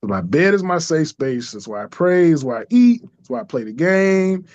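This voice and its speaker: A man telling a personal story in a casual interview, lively, laughing often and acting out the voices of people he quotes. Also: on the high side, moderate pace, no room sound. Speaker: interview guest. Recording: dull lo-fi dry sound.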